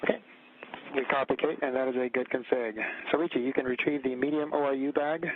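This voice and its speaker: A man's voice: medium pitch, flat delivery, brisk, slight background noise. Methodical man on a tinny radio link. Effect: radio transmission. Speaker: mission communicator. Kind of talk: procedural radio instructions.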